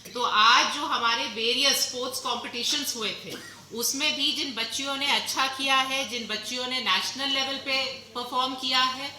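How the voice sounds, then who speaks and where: A woman official speaks to schoolgirls in an encouraging, motivating way and puts questions to the audience. Her high, very bright voice rings through an echoey hall with some noise. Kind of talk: motivational speech.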